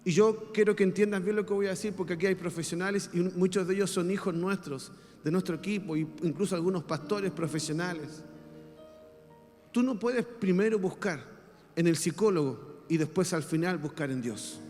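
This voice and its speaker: Preaching at normal speed in a high voice, a Chilean Spanish-accented pastor leads the congregation in call-and-response. He shifts between soft speech and shouting, and the big room carries faint music behind him.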